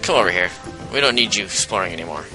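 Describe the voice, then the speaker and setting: A man's voice: deep voice, animated, rapid-fire, rough recording. Chatty man explaining a strategy game. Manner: rambling, chatty, explains game mechanics with self-interruptions. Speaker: gameplay commentator. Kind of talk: casual let's play commentary. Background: game music.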